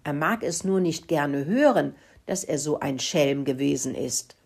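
A woman's voice: lively intonation, a little slow, a little mellow, slightly rough, exaggerated voice. A woman voicing a curious little male mouse in a storybook reading. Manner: squeaky, curious questioning.

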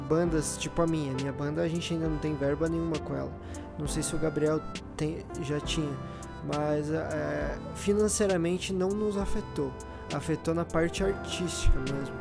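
A man from southern Brazil with a Brazilian accent, chatting casually and slangily as a podcast guest, thinking aloud in halting phrases. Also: fairly high pitch, steady tone, vocal fry, music in the background. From Rio Grande do Sul, Brazil. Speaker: podcast guest, drummer in an independent band.

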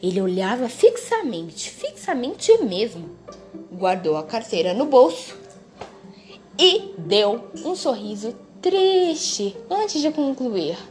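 Woman storyteller, higher voice, measured expressive reading, light music underneath. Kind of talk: story read aloud. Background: faint music.

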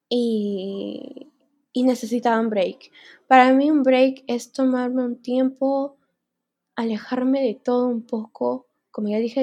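A woman's voice: fairly high pitch, dark tone, husky. A young woman talking candidly and emotionally in an unscripted personal vlog, sometimes close to tears. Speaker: vlogger.

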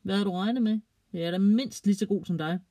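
A storyteller voicing a younger boy who is eager, boastful and quick-tempered. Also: mid-range voice, mellow, dry recording, studio quality, pitched above the performer's own voice, close to an everyday voice.

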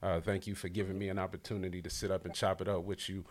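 A man's voice: deep voice, flat delivery, quick pace. A man hosting a casual hip-hop podcast, talking loosely and hyped with lots of slang. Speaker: podcast host. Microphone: livestream podcast setup.

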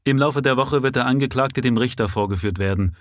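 A man's voice: medium pitch, fairly quick, pitched above the performer's own voice, close to an everyday voice. A man reading aloud, voicing a pale, mechanical police inspector who speaks formally. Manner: formal, official.

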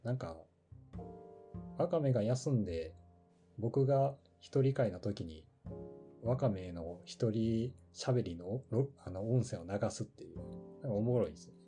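A man's voice: on the low side, animated, a little slow, mellow, soft background music. A man casually introducing a podcast segment, easygoing and full of hesitant fillers. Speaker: podcast co-host.

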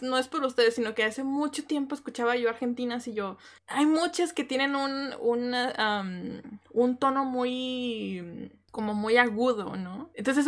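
A woman's voice: a little high, fairly bright tone. A woman with a Mexican accent, a podcast host chatting casually and rambling with many fillers. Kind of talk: casual chat.

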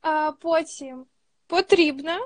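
A Ukrainian woman hosting a podcast, with a very high voice recorded close and dry. She repeats what she learns and checks with quick short questions. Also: dry recording. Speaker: podcast host. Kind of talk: casual interview.

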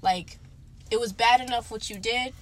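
A woman's voice: on the high side, normal speed, fairly bright tone, a little hiss or hum. A woman co-hosting a casual podcast chat, speaking in a blunt, emphatic and slangy way with plenty of swearing. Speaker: podcast co-host.

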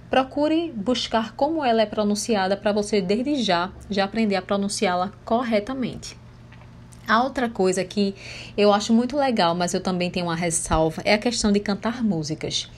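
A woman with a Brazilian Portuguese accent, an English teacher giving a podcast lesson in a chatty way, posing questions to her listeners and answering them herself. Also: medium pitch.

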